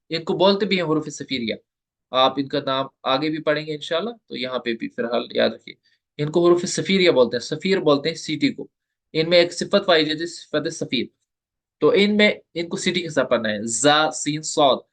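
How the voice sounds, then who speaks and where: A man giving an online tajweed lesson, explaining step by step and slowly repeating the letter sounds for his students. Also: on the high side, a bit bright. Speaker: Quran recitation teacher.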